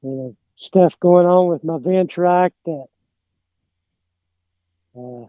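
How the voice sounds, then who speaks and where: A man's voice: on the high side, slow, no room sound, phone-quality sound. A middle-aged man with an Appalachian mountain accent chatting casually, rambling and hesitant, often trailing off. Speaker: podcast guest, lawn care business owner. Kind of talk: casual chat.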